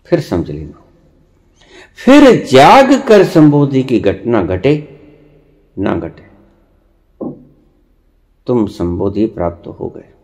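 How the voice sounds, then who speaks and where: Male spiritual teacher, slow sermon delivery, lively rising and falling pitch, stern lecturing tone. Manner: slow, deliberate, with long pauses and sudden emphatic rises; rebuking, lecturing the listeners directly. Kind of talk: spiritual discourse.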